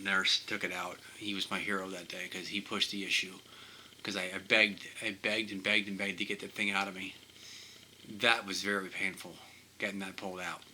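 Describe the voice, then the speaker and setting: A man speaking in a personal vlog, choked up and halting, circling back over his own words. His voice is low-pitched but very bright and strained. A faint hiss sits under the recording. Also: rough recording. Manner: halting, emotional, repeats himself. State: emotional, composing himself. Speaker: vlogger.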